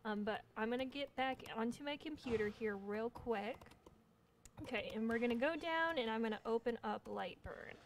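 Easygoing young woman demoing software. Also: a little high, normal speed, a little hiss or hum. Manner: easygoing, self-deprecating, many ums. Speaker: co-host demonstrating software. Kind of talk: casual instructional talk.

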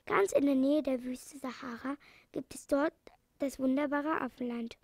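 A caring male animal doctor who talks gently and earnestly, read by a woman. The voice is high with a touch of fry. It is recorded close and dry. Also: steady tone, moderate pace, no echo. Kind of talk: storybook reading.

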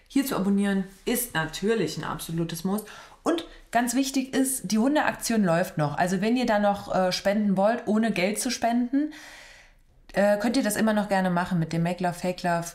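A woman's voice: mid-range voice, normal speed, darkish tone. A young woman talks over a reality show with chatty, sarcastic, blunt remarks. Her voice sits mid-range and rings a little in a roomy small studio. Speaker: reaction streamer. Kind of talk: casual reaction commentary. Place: small decorated studio room. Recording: roomy echo.

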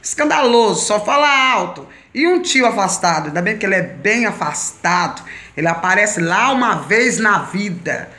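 A woman telling an emphatic, animated monologue and calling herself a loud talker. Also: mid-range voice, normal speed. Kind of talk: casual monologue.

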